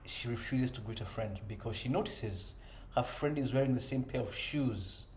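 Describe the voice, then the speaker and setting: A man in his thirties talks earnestly to young men about self-improvement. His voice sounds mellow and unhurried. The recording sits in an echoey room with a faint ambient hum behind him. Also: mid-range voice. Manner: earnest, conversational, frequent "you know" and "right?". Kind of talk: reflective personal monologue.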